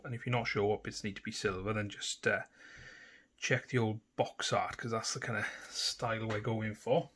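A man with a Welsh accent hosting a miniature painting tutorial, talking casually with a relaxed, self-deprecating manner. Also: medium pitch, breathy edge. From Wales. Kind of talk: casual instructional talk.

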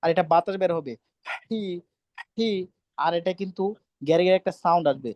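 In a muffled recording with no echo, a man's slightly high, somewhat mellow voice comes out in rapid-fire bursts. He is running an online pronunciation class for Quran recitation, repeating letter sounds over and over and telling off students harshly when they speak over him.

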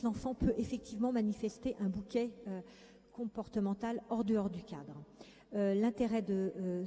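In an echoey conference hall, a female clinical psychologist delivers a talk full of hesitations and filler words. She has a warm, medium-pitched voice.

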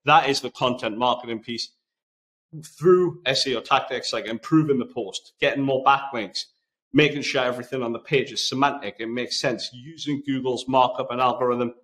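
A man's voice: medium pitch, fairly even intonation, normal speed, fairly bright tone. A man with a Geordie accent hosting a live podcast, answering listener questions in a conversational, step-by-step way. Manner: conversational, explaining step by step with lists. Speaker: podcast host.

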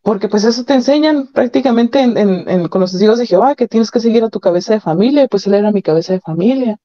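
A woman's voice: medium pitch, fast talker, mellow, muffled recording. A woman telling a caller's candid personal story, frank and matter-of-fact with nervous laughs. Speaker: caller sharing her experiences. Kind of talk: candid personal testimony over a call. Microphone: phone or call line.

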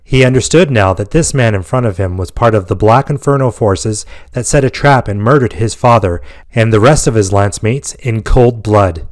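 A man telling a science fiction war story in steady, even scripted narration. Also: lowish voice, normal speed.

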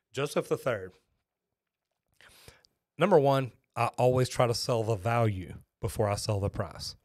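Speaking low and a bit mellow, this man in his 50s from Texas is a master plumber running a live stream for viewers. He rambles in a chatty, folksy manner and often restarts his sentences. A boom-arm mic sits close to him in his small shelved home studio, and the sound is echo-free.

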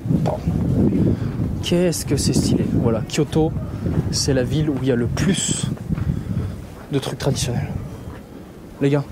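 A man's voice: medium pitch, unhurried, pauses often. A young Parisian man with a Parisian accent, chatting casually to a handheld camera while walking a busy street, slangy and rambling. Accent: Parisian French. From France. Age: young adult. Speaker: vlogger. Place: busy traditional shopping street outdoors. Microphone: handheld camera at arm's length. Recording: street noise behind.

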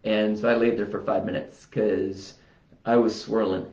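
A man's voice: on the low side, flat delivery, a little mellow. A man vlogging casually as he demonstrates a self-healing routine, rambling and talking to himself as he goes. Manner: unhurried, rambling, talks to himself. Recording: roomy, dull lo-fi sound.

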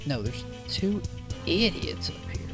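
A man's voice: high voice, very animated, unhurried, over music. A man streaming a shooter game, joking and swearing in casual chat with a friend.

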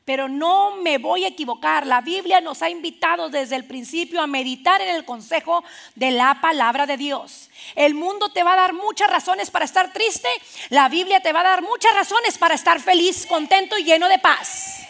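A woman pastor preaching a sermon in church, animated and playful, acting out little scenes for the congregation. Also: very high voice, moderate pace, creaky.

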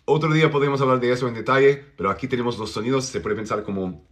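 A man teaching an English pronunciation lesson, slowly drawing out vowel sounds to demonstrate them. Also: medium pitch, steady tone.

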